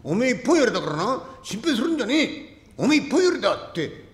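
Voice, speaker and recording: A man's voice: mid-range voice, animated, slow pace, a little mellow, roomy sound, in a large hall. A man playing a brash young Edo craftsman. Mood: bragging. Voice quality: rough Edo street speech. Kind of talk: rakugo storytelling.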